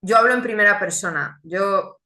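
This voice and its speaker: A woman gives a faith testimony in an earnest, reflective way and often poses rhetorical questions. Her voice is bright and forceful. The room around her sounds echoey. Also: mid-range voice, normal speed. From Chile, raised in Spain. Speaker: speaker giving a faith testimony. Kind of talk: testimony talk.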